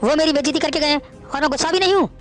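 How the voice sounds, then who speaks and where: Woman voicing a young brother in a family drama, high-pitched and quick-spoken, pleading and prickly. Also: soft background music, lightly acted. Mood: angry. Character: young man, poor brother, touchy but meek. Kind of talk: Hindi family drama acting.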